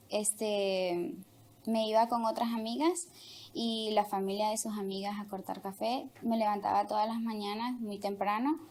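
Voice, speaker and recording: A young woman from Honduras tells her life story as a guest in a testimony interview, speaking hesitantly and using many fillers. Her voice is medium-pitched and a little mellow.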